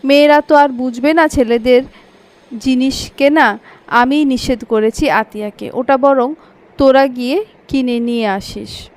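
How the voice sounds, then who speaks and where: A woman's voice: sits high, steady tone, a little slow. A woman voicing a practical elder of the family discussing wedding shopping.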